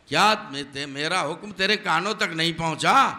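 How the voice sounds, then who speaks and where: Brief: stern, commanding male prophet-king scolding loudly, bright forceful high voice, acted by a preacher in a sermon. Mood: indignant. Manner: scolding, raised voice.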